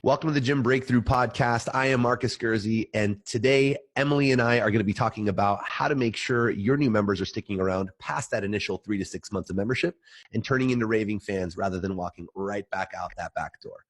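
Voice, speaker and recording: A man hosting a podcast in casual chat, his voice nasal and stuffed up from a cold, relaxed and full of fillers. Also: fairly low pitch, fairly quick. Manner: relaxed, filler-heavy, friendly. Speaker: podcast host.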